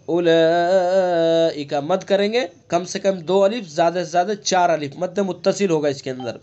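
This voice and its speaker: A man teaching Quran recitation rules in an online class, slowly modeling words and checking that students follow. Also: high voice, a little mellow, highs cut off. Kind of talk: tajweed lesson with recited examples. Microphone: online class recording.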